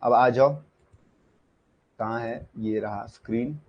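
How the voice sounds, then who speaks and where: A man's voice: medium pitch, fairly even intonation, takes it slowly. A man teaching shorthand in a live online class, talking casually and often checking that students understand. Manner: chatty, repeats "ठीक है" and asks students if they understood. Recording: dull lo-fi sound.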